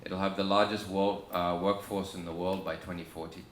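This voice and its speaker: A man with an Australian accent speaking on a conference panel, relaxed and halting with many ums and restarts. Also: low-pitched. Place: conference room. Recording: echoey conference room with faint ambience.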